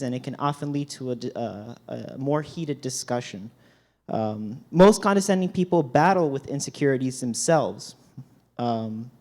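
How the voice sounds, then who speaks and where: A man giving a church talk to a group, explaining dictionary definitions and often pausing with ums and restarts. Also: a little high, a little mellow. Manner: hesitant, frequent ums and restarts. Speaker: youth talk speaker at church. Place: speaking up front to a group.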